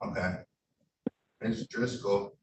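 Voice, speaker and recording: A man's voice: on the low side, fairly even intonation, takes it slowly, darkish tone. Role: judge. Sex: man. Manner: formal, hesitant. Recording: distant, roomy courtroom recording with faint hum. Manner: formal, polite, with frequent hesitations. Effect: courtroom recording from a distant room mic. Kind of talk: presiding over a remote court hearing.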